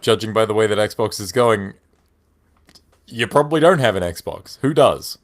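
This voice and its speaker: A man's voice: on the low side, animated, normal speed. A man with a cold and a whiny voice, co-hosting a casual podcast chat, laid-back and sardonic, swearing often. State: has a cold. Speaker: podcast co-host.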